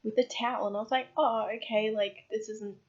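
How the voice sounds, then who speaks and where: Breathy, chatty woman podcaster. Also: on the high side, fairly even intonation, a little fast, dull audio. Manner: chatty, lots of fillers, laughs often. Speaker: podcast co-host. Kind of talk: casual chat.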